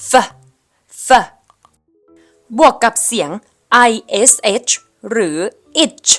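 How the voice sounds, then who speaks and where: A woman narrating a phonics lesson as an English teacher, spelling out sounds slowly and repeating each word with careful enunciation. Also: fairly bright tone, faint music behind. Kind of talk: scripted lesson voice-over.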